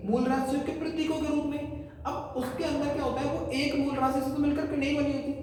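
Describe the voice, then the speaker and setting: A man's voice: extremely high pitch, little pitch movement, quick pace, a little mellow. A man teaching a physics lesson, explaining step by step and asking his students questions as he goes. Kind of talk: classroom lecture. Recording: echoey room, far from the mic, faint noise.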